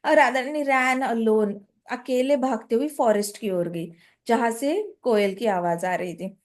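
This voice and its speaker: A woman telling a devotional story expressively, pausing to explain things and mixing in English phrases. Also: a little high.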